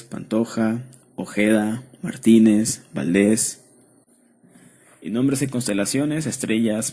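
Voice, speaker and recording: A man with a Mexican accent reading a spelling lesson aloud in a steady, measured way. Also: medium pitch, slightly rough. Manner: steady, measured reading of rules and word lists. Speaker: student presenter. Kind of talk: read-aloud lesson narration.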